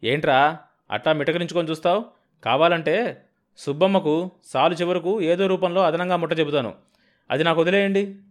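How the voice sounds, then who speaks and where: A hot-tempered, stingy village farmer in an audiobook, as a male narrator puts him on. He talks loud and brusque, with a voice pitched up above the reader's own. Every line comes out as a blustering complaint. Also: a little fast, long pauses, natural voice.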